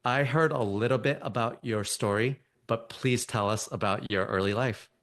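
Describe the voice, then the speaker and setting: A man's voice: mid-range voice, moderate pace, a bit bright. A man hosting a podcast interview, reading a guest introduction in a friendly manner. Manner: read-aloud introduction, friendly. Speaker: podcast host.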